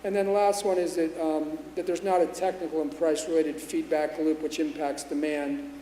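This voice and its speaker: Man with a flat, mellow delivery in a hall. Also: fairly high pitch, moderate pace, a little hiss or hum. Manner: dense, fact-heavy delivery with frequent fillers and restarts. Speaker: panelist, commodities consultant. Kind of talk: panel presentation. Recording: roomy hall reverb, faint ambience.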